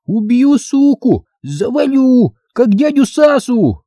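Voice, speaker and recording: Bratty six year old with a lisp, squeaky high, bossy and yelling. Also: male voice, sing-song, slow, dry recording, studio quality, full character voice. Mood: angry. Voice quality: lisping.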